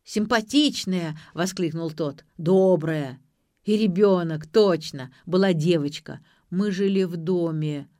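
A muddled, hungover drunk man, acted by a woman reader, groaning and dragging each word out slowly. The lines are read dry and close for an audiobook. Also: on the low side, darkish tone, dry recording, lightly acted. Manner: slow, groaning, drawn-out. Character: confused, hungover middle-aged alcoholic man, moaning.

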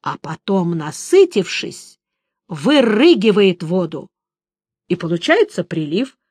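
A woman reading aloud voices a chatty, excitable male bard who talks on and on. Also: lowish voice, slow pace, breathy edge, no echo, heavily acted. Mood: spooky.

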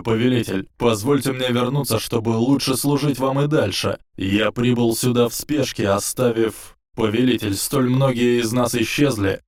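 A man's voice: mid-range voice, pitched above the performer's own voice, lightly acted. A man voicing a terrified masked henchman, trembling and pleading. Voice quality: trembling, distorted.

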